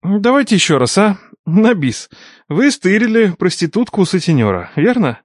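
A man's voice: high-pitched, sing-song, moderate pace, no echo, clean studio sound. A man voicing a cocky young former student who teases his teachers with sarcastic banter, in an audiobook. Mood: mocking. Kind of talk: audiobook character dialogue.

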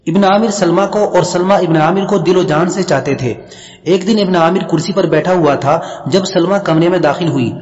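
A man narrating a story as an audiobook in a measured, even storytelling manner. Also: sits high. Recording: dull lo-fi with long reverb.

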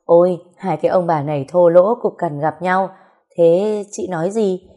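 A woman's voice: on the low side, steady tone, moderate pace, dark tone, close to an everyday voice. A woman voicing a playful young mother who teases and wheedles in a storybook reading. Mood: coaxing. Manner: teasing, wheedling, cajoling.

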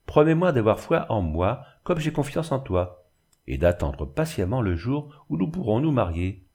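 A man's voice: medium pitch, very animated, normal speed, darkish tone, breathy edge. A man reading the part of an ardent young man in love, earnest and eager. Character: ardent young man, anxious then passionate lover.

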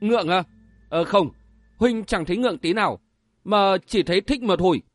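Man voicing an ardent young wuxia hero, soothing, kinda high voice. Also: normal speed, dry recording, faint music behind. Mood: teasing. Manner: soothing, earnest. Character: ardent young male swordsman, tender and stubborn.

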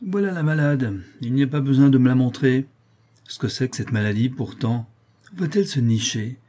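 A man reading an audiobook, voicing a fawning, glib male doctor with a flattering, bustling manner. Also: mid-range voice, moderate pace, pitched above the performer's own voice, natural voice. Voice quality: raised, loud, honeyed delivery.

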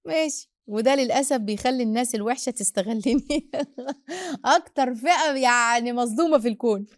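A woman's voice: a little high, no room sound, clean studio sound. A woman with an Egyptian Arabic accent, hosting and answering listeners' parenting questions in a motherly way, calling the listener her daughter. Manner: rapid, animated storytelling with restarts. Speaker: host and family counselor.

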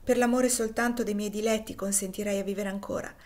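Woman reading as a frail young girl, gentle, earnest, soft, audiobook reading. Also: medium pitch, steady tone, fast, natural voice.

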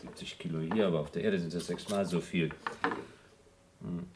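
An actor playing a sober, matter-of-fact and rather pedantic astronaut in a German radio play. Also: male voice, sits low, steady tone, normal speed, noisy background, lightly acted.

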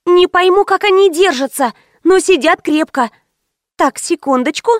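A woman reading an audiobook, voicing a sarcastic, cheeky teenage schoolgirl with quick mocking retorts. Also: very high-pitched, no echo, clean studio sound, pitched above the performer's own voice. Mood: bossy. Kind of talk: audiobook character voice.

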